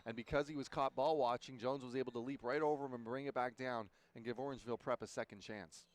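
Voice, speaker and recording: A man's voice: mid-range voice, steady tone, quick pace. A man giving color commentary at a basketball game, explaining the defense and what players should have done. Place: gym broadcast booth.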